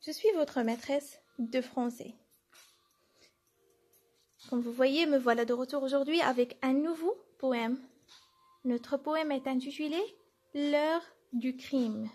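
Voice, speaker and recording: A woman's voice: high-pitched, unhurried, pauses often, a little mellow, soft background music. A woman teacher giving a lesson, explaining step by step and answering her own questions. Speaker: French teacher. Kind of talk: classroom lesson.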